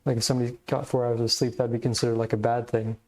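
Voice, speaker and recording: A man's voice: mid-range voice, little pitch movement, very fast, a little mellow. A man hosting a podcast, giving casual, reflective commentary in hesitant, meandering phrasing. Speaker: podcast host.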